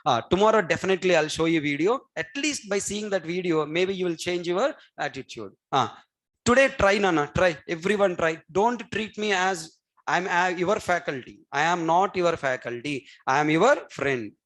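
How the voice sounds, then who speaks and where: A man's voice: high voice, animated, normal speed, fairly bright tone. A middle-aged man with a Telugu accent in English, a native Telugu speaker, teaching a programming class in an exhorting, repetitive way with question tags and prompts for answers. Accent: Telugu Indian English. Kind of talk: interactive classroom lecture.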